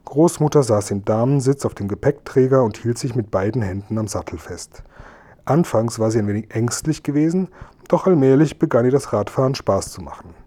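A man reads a children's audiobook in a calm, even storytelling manner. His voice is dark and mellow, sitting at an ordinary pitch for a man. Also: fairly quick. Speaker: narrator. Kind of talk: scripted audiobook narration.

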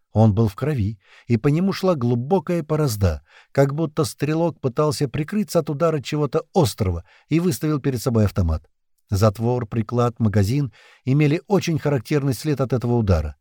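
A man narrating a first-person thriller audiobook in an expressive, tense way. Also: mid-range voice, no room sound, clean studio sound.

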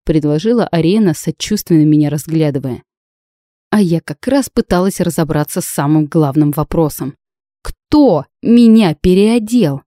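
A woman reading a novel aloud in measured first-person narration. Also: deep voice, dark tone, no echo, studio quality. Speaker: audiobook narrator.

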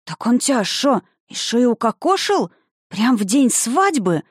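A woman reading a feisty, sulky young village witch girl with a rustic dialect, voiced higher and indignant. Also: sing-song, unhurried, slightly rough, dry recording, clean studio sound, exaggerated voice. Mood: outraged.

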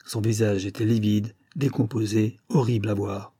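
A man narrating a literary audiobook in a measured, even storytelling manner, close to the mic. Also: on the low side, husky, dry recording.

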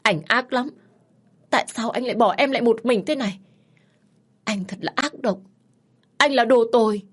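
A woman's voice: mid-range voice, normal speed, a little mellow, husky, lightly acted. A woman voicing a grieving young wife who pleads tearfully with her husband in a story. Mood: anguished.

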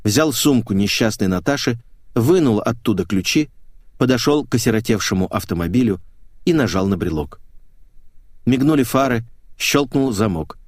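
A man reading a first-person audiobook with a wry, measured delivery. His pitch moves lively across lines. The recording is dry and close. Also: dry recording. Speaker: audiobook narrator.

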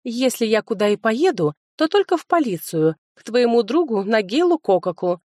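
A woman's voice: fairly high pitch, sing-song, normal speed, dark tone, no echo, studio quality, voice pushed up. Woman putting on a purring, spiteful cousin. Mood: threatening. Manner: purring, hissing, sing-song.

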